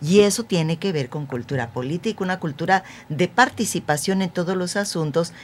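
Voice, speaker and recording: Low-voiced woman, radio panel guest. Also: a little fast, slight background noise. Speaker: guest analyst.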